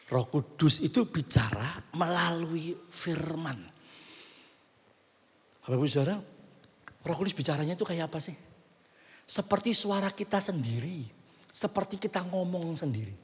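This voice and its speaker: A man with a Javanese accent preaching from the pulpit in a husky, fairly high voice, acting out his inner dialogue as he tells a personal story. His words ring out with a long reverb through a church hall. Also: animated, normal speed, pauses often. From Central Java, Indonesia. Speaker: pastor. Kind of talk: sermon.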